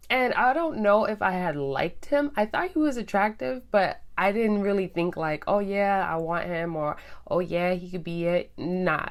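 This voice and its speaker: A young woman vlogger casually telling her personal story, candid and chatty with lots of ums and likes. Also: low voice. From Guyana and Trinidad heritage.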